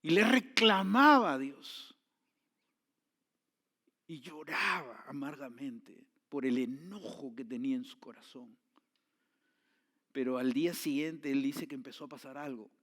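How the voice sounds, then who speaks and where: A man preaching a sermon, telling a story with swings from hushed tones to loud pleading. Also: medium pitch, moderate pace. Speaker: pastor.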